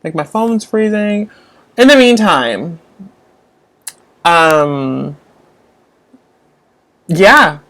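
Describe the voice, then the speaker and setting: A man's voice: on the high side, animated, drawn-out words, long pauses, bright, forceful tone. A young man hosting a casual live stream, chatting with viewers while getting frustrated with his tablet and phone. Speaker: livestream host.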